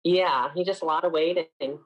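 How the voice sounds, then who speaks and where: Speaking at a moderate pace with fairly even intonation, this upstate New York man in his twenties, a singer, is a relaxed interview guest who says "like" constantly. His voice runs on the high side, and the recording quality is low.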